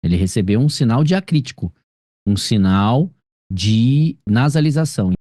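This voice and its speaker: Brazilian male teacher, dark mellow voice. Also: medium pitch, lively intonation, normal speed, dry recording, clean studio sound. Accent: Brazilian Portuguese. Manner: explanatory, checks understanding with frequent tag questions. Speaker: grammar teacher. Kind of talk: one-on-one tutoring session.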